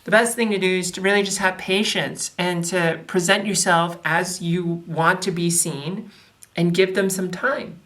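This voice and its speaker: A woman's voice: lowish voice, steady tone, measured pace, a bit bright, distant mic. A woman giving advice to camera in a casual, reflective way, with frequent conversational fillers.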